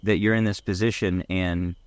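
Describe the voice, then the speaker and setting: A man's voice: low-pitched, fairly even intonation, moderate pace, no echo. A man co-hosting a casual sports podcast, musing aloud with hesitant restarts. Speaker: podcast co-host.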